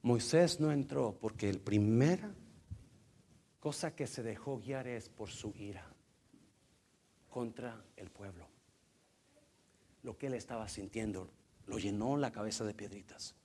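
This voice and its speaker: A man preaching a sermon as a pastor, who swings between loud exhortation and hushed asides and mixes in English words. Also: on the low side, measured pace, pauses often, slight background noise. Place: church hall.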